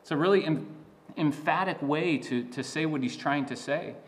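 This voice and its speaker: A man's voice: on the high side, moderate pace. A man preaching a sermon as a pastor, teaching in an earnest, emphatic way with frequent restarts and asides.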